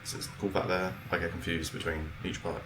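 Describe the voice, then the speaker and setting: A British man with a very deep voice talks in a loose, halting way, full of fillers and restarts as he chats. A faint hiss of background noise sits under him. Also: level tone, a bit bright. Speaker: podcast co-host. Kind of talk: casual chat.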